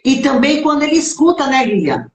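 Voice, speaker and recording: A woman's voice: sits high, sing-song, fairly quick, a little hiss or hum. A woman hosting a channel interview on a video call, speaking hesitantly with fillers and tag questions. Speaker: channel host. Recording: echoey room on a video call.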